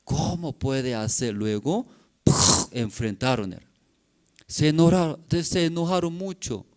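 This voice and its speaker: Man, pastor, sermon, higher voice, slow deliberate delivery, rhetorical questions. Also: expressive. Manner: emphatic, repeated rhetorical questions to the congregation; builds up to near-shouting peaks, then drops low.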